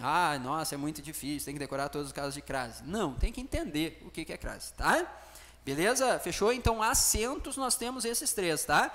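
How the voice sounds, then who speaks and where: High-voiced man teaching grammar. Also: big-room sound. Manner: animated, keeps checking in with tag questions. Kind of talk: exam-prep grammar lecture.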